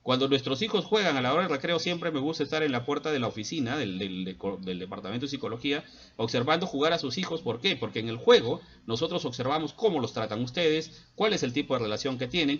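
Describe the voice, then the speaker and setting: A middle-aged man speaks earnestly to parents in a school psychologist's lecturing tone, stopping often on hesitant fillers. His voice sits at an ordinary middle pitch. The sound is dull and muffled, like lo-fi audio from a laptop. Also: fairly bright tone, breathy edge. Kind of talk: advice talk to parents.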